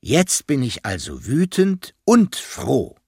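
A man voicing a puzzled, gentle male hedgehog in a children's audiobook, wondering and exclaiming. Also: mid-range voice, wildly swooping pitch, takes it slowly, creaky, husky, no room sound, studio quality, exaggerated voice. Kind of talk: audiobook character voice.

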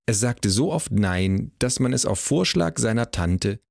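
A man's voice: mid-range voice, expressive, normal speed, creaky, no room sound, clean studio sound. A man reads his own children's audiobook aloud, narrating in a playful, slightly exaggerated way. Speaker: author reading his stories.

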